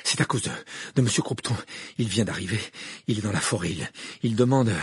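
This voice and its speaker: Man playing a panicked teenage wizard boy, high strained voice, gravelly, dry close recording, urgent pleading. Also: brisk, no room sound. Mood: frantic. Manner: pleading, urgent, shouting at times.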